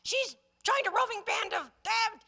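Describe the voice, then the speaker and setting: A flustered, creaky Mother Superior. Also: extremely high pitch, moderate pace, sharp tone, exaggerated voice. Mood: evasive. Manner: evasive, stammering excuses. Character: flustered nun, head of a convent, dodging a visitor. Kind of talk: TV sketch comedy acting.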